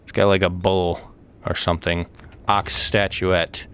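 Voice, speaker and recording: A man giving let's play commentary on a horror game, swearing a lot, rambling and breaking into excited outbursts. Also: low voice, a little slow, smooth. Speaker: gaming video host.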